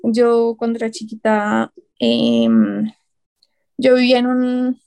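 A woman's voice: fairly high pitch, big pitch swings, slow pace, darkish tone, smooth. A young Colombian woman with a Colombian accent, a guest and writer, telling stories in casual conversation. She acts out what people said and often laughs. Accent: Colombian Spanish.

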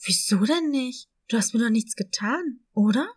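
A woman's voice: fairly high pitch, expressive, moderate pace, husky. Woman voicing a kind, protective puppy boy. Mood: reassuring. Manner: reassuring, protective. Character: kind brave male puppy.

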